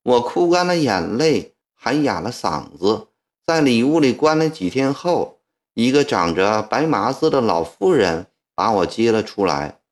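A male storyteller voicing a frail young woman who speaks softly and slowly. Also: mid-range voice. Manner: soft-spoken, slow.

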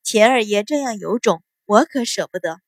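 A woman voicing a composed young noble lady who speaks in a cool, measured way. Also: mid-range voice, expressive, no room sound, clean studio sound.

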